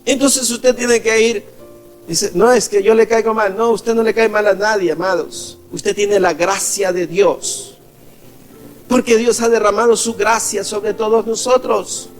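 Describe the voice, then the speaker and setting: A man's voice: high-pitched, steady tone, unhurried, faint music behind. A man preaching a sermon as a pastor, calling his listeners "beloved" and acting out quoted voices. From Ecuador. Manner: preaching, calls the congregation "amados", acts out quoted voices.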